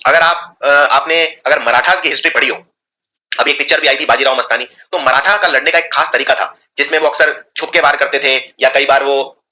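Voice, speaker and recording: A man teaching an exam-prep spelling lesson, slowly explaining words and spelling them out letter by letter. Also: fairly high pitch, fairly even intonation, pushed and bright.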